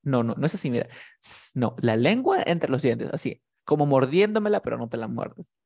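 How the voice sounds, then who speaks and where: A man's voice: medium pitch, sing-song, normal speed, creaky, darkish tone. A man teaching a one-on-one pronunciation lesson, patiently demonstrating sounds and coaxing his student. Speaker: English teacher.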